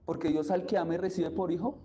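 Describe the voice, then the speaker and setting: A man's voice: high-pitched, steady tone, fast, mellow, rough recording. A man, preaching a sermon as pastor and putting questions to the congregation.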